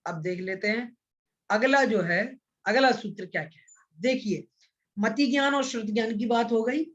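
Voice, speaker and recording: A man teaching an online scripture class, patiently explaining and repeating points, and chanting Sanskrit verses slowly. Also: high voice, fairly bright tone, highs cut off. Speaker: religious studies teacher.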